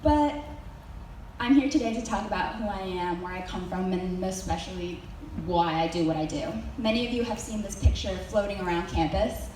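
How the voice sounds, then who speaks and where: Giving a senior presentation to her school, the young woman from Mexico speaks at a moderate pace in a medium-pitched, slightly mellow voice, hesitant, with many ums and dry jokes on the side. The recording comes from far off in a very echoey hall and carries a little hiss or hum.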